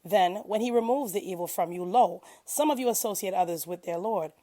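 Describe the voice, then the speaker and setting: Reading translated scripture devotionally, a woman delivers it in a solemn, declamatory way and leans on key phrases. Her mid-range voice is dark in tone and moves a little fast.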